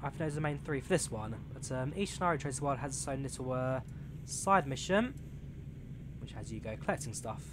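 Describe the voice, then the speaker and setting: This man's mid-range voice moves quickly with lively intonation as he chats casually with his stream audience. He's an English lad of around twenty, reading viewer messages aloud between plenty of fillers while driving a train sim. Simulated engine and track noise is plainly audible underneath.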